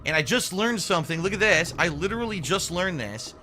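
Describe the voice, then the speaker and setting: A man giving excitable, exasperated, sweary running commentary as he plays a video game. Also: high-pitched, brisk, a little hiss or hum. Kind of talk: gameplay commentary. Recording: music behind the voice. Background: music.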